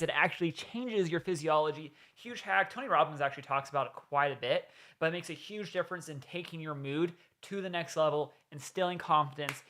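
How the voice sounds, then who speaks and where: A man's voice: fairly high pitch, pushed and bright. A man hosting a reaction video, giving casual coaching commentary and explaining points step by step. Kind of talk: commentary on a played clip.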